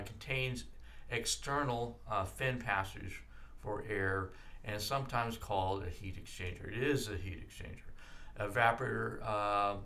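A man teaching an automotive class over slides, talking in a halting way with many fillers and restarts and frankly adding his own opinions. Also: fairly low pitch, sharp tone. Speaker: automotive instructor. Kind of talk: slide lecture.

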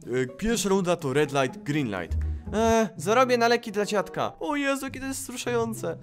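Gaming host, male, high lively voice, excitable let's-play commentary with faint music behind. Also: normal speed. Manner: excitable, exclaiming and laughing at the game. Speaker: gaming YouTuber. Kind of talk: live gameplay commentary.

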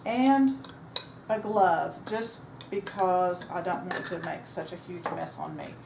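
A DIY furniture vlogger narrates a home furniture refinishing project as she works, casual and rambling, with fillers and self-corrections. Her voice is lowish, slow and creaky. She's recorded on a camera mic in her sewing room, with a noisy background.

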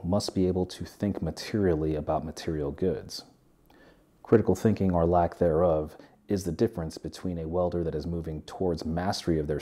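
A man in his thirties, a welder, giving a measured, earnest scripted narration of an essay in his living room. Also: low voice, mellow.

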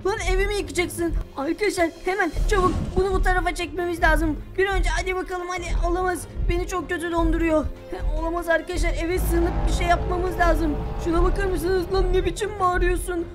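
A woman voicing an excitable young male cartoon hero, who shouts frantic exclamations and talks straight to the viewers. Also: very high voice, a little fast, few pauses. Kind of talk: animated cartoon voice acting. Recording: background music under the voice.

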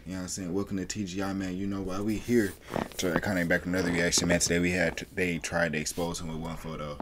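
A man's voice: low-pitched, flat delivery, quick pace, noisy background. A man in his twenties giving loose, rambling reaction commentary full of slang. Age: 20s. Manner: laid-back, rambling slang-heavy talk. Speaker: reaction streamer.

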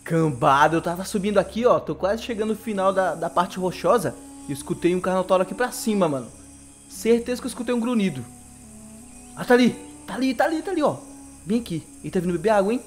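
A young man with a Brazilian accent giving excitable, slangy live commentary over gameplay and laughing often. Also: sits high, fast talker, soft background music. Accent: Brazilian Portuguese. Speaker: gaming YouTuber.

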